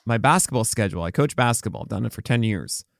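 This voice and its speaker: A man co-hosting a podcast in casual chat, slightly hoarse, rambling and correcting himself as he goes. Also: lowish voice, expressive, fast talker, dry recording, studio quality. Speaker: podcast co-host.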